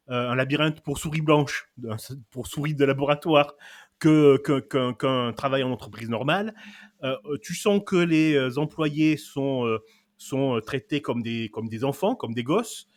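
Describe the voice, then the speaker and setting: A man hosting a casual film and series podcast, playful and theatrical as he introduces his guests. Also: a little high. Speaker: podcast host. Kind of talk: casual chat.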